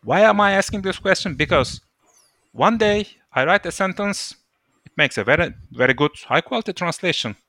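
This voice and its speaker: A man taking part as a guest in a casual discussion, explaining his points thoughtfully with lively emphasis. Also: high-pitched, moderate pace, no echo.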